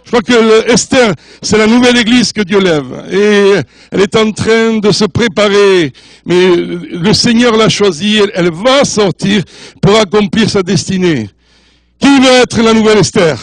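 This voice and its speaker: Older male guest preacher, high voice, dry close sound, jokey and easygoing, slips between three languages. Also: normal speed, dry recording. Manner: jovial, joking with the congregation; mixes French, English and Spanish. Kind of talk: sermon. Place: church.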